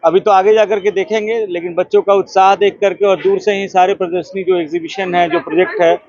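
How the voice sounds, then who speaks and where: Measured man with a high voice. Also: steady tone, darkish tone, no room sound. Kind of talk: speaking to a news camera. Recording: dry, dull lo-fi news audio.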